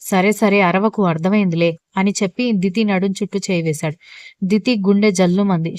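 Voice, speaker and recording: A woman narrating a love story for an audio series, moving briskly from line to line. Her voice is smooth and clear, recorded close and dry with no room sound. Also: mid-range voice, a little mellow, dry recording.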